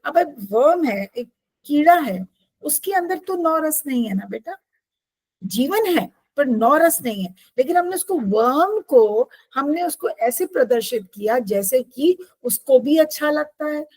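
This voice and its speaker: A woman's voice: high voice, darkish tone, dry recording, low-quality recording. A woman teacher explaining poetry devices to a class, patiently checking in with her students.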